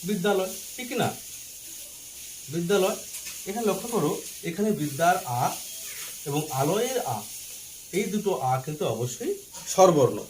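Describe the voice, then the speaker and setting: A man teaching a Bengali grammar lesson, slowly spelling out letters and asking and answering his own questions, with a faint Bangladeshi Bengali accent. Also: sits high, very animated, a little mellow, a little hiss or hum. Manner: slow and deliberate while writing, spelling out letters.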